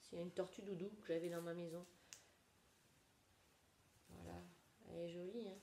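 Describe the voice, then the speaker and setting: A woman teaching young children a nursery rhyme, gentle and sing-song, dropping at times into soft whispers. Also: on the low side, flat delivery, moderate pace, creaky. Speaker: preschool teacher. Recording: echoey room with faint noise.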